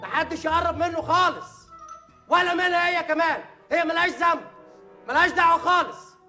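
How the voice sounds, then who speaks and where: A man's voice: extremely high pitch, a little fast, pushed and bright, soft background music, full character voice. A man playing a stern male sheikh in a hidden-camera prank, commanding everyone to sit still and chanting prayers to drive off a jinn.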